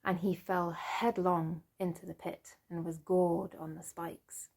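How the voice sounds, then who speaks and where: A woman storyteller telling a folk tale in a lively way, with chatty asides. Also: fairly low pitch, measured pace.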